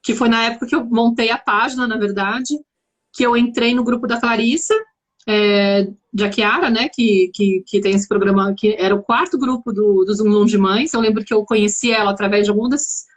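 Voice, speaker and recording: A woman's voice: a little high, fairly even intonation, moderate pace. A woman from São Paulo with a São Paulo Brazilian accent, chatting as a guest in a reflective way and often restarting her sentences. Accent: São Paulo Brazilian Portuguese. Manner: reflective, searching for words with many restarts. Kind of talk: casual conversation.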